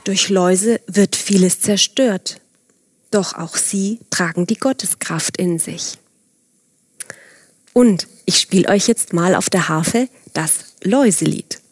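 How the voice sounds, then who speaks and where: Slow, calm woman telling a children's story. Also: medium pitch, husky. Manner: calm, unhurried, speaks directly to children. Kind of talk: children's bedtime story narration.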